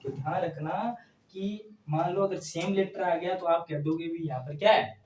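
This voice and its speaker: A man's voice: fairly high pitch, normal speed, darkish tone, recorded from a distance, slight background noise. A male teacher giving a grammar lesson, asking a question and answering it himself again and again on his phrases. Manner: repetitive call-and-response questioning. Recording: echoey room, voice from off-mic.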